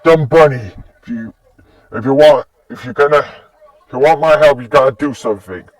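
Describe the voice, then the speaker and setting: A man's voice: mid-range voice, moderate pace, natural voice. A man voicing a cocky young male hero turned gunslinger who talks in a brash, crude, mocking way. Recorded on a distant mic. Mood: dismissive.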